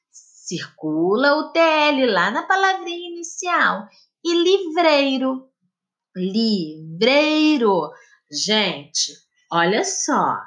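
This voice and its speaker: A woman teacher leads a lesson for young children. Her voice sits high and moves through a wide, lively melody. She speaks slowly and stretches out each word she dictates. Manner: slow, lively, drawn-out dictation of words. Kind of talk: recorded classroom lesson for children.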